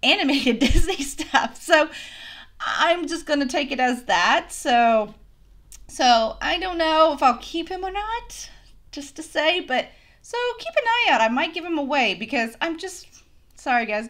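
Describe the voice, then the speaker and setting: Young woman doing a chatty unboxing vlog on her phone, high voice, all over the place. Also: a bit bright. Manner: bubbly, gushing, chatty with viewers. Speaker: unboxing vlogger. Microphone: phone camera.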